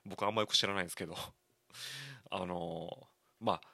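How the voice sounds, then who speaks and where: A man's voice: deep voice, fairly even intonation, fairly quick, vocal fry, pushed and bright, dry recording. A man in his thirties with a Kansai accent, hosting a solo talk show as a candid, rambling storyteller. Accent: Kansai Japanese. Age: 30s. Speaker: podcast host.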